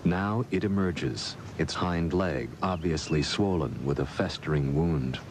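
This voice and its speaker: A man reading scripted nature documentary narration in a measured, formal storytelling way. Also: extremely low pitch, background noise.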